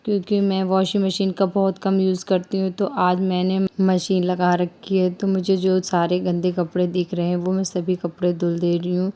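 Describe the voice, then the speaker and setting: A young woman from India, a mother, calmly narrating her household routine in a steady, explanatory way that often repeats itself. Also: lowish voice. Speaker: vlogger mother. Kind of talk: calm voice-over narration of a home routine.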